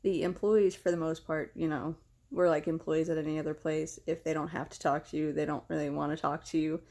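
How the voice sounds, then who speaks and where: Lowish-voiced young woman vlogging. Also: flat delivery, fairly quick, warm tone. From United States. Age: young adult. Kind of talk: casual chat.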